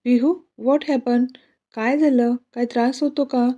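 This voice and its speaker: A woman voicing a young man who is a worried, teasing groom, in a storybook reading that gently scolds. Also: fairly high pitch, steady tone, slow pace, muffled recording, voice pushed up.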